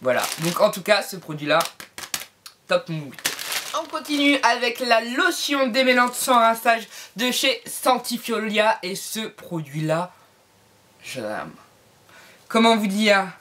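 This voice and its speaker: A woman's voice: on the high side, expressive, measured pace, a bit bright, slight background noise. Playful woman chatting through a beauty review. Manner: playful, jokey asides to viewers. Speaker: beauty vlogger. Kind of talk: casual product review vlog. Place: home.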